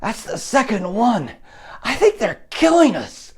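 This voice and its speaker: A man's voice: very high-pitched, sing-song, a little slow, breathy edge, pitched above the performer's own voice, full character voice. A man voicing a frightened male prisoner who speaks in a strained, urgent voice. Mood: urgent, scared.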